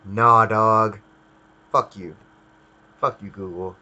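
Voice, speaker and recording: A man's voice: on the low side, fairly even intonation, takes it slowly, bright, forceful tone, highs cut off. A man hosting a casual livestream, ranting with lots of swearing. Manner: profane ranting. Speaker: stream host.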